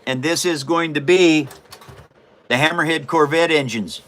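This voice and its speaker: A Washington State man hosts a relaxed livestream as he assembles a paper model, chatting in a folksy, rambling way and chuckling often. His voice sits a little high, moves a little slowly, and has a fairly bright tone.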